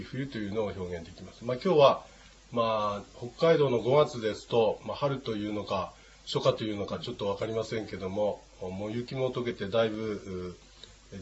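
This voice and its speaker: A man teaching a language class, patient and unhurried, with many hesitating fillers. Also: fairly low pitch. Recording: dull lo-fi with faint noise.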